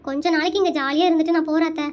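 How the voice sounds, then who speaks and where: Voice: extremely high pitch, steady tone, rapid-fire, slight background noise. A voice actor doing a shy lovesick young woman. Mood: timid. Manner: timid, pleading and soft. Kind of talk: animated cartoon voice acting.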